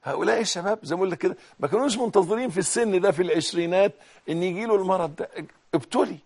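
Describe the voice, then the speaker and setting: A middle-aged Egyptian man preaching a sermon, pleading with his listeners, swinging from emphatic outbursts to low, earnest appeals. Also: very fast, a little mellow, breathy edge. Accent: Egyptian Arabic.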